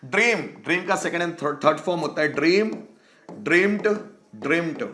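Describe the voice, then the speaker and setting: A man's voice: fairly high pitch, animated, moderate pace, sharp tone, slight background noise. A man teaching English grammar rules in Hindi, often repeating words aloud and putting questions to his viewers.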